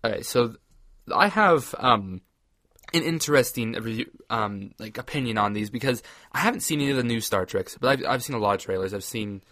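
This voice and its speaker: A man's voice: brisk, no echo. Laughing young man, dry sound. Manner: laughs often, animated with sudden high exclamations. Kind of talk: casual chat.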